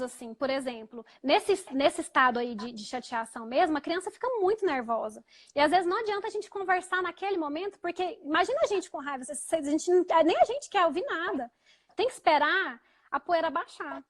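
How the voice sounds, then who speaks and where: Brief: Brazilian woman host with a very high voice, casual and halting, gentle when quoting her child-talk. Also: lively intonation. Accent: Brazilian Portuguese. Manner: hesitant, with frequent restarts and repeated fillers; gentle, soft-spoken when quoting what she tells her child. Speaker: host of a live chat on parenting. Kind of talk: casual explanatory chat.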